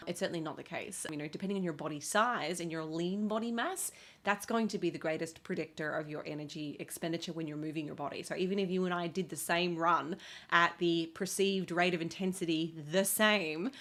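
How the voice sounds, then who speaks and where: A woman's voice: fairly low pitch, a little fast, a bit bright. A woman in her thirties, a fitness coach who moved to the States, chatting casually to camera with lots of fillers and frequent laughs. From outside the United States. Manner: chatty, laughs often, many fillers like "like" and "you know". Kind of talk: casual talking-to-camera check-in.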